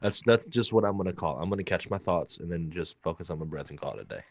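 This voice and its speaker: A man's voice: low-pitched, lively intonation, quick pace, dry recording. A man co-hosting a podcast, talking in an earnest, rambling way with frequent swearing. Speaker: podcast co-host. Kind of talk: casual chat.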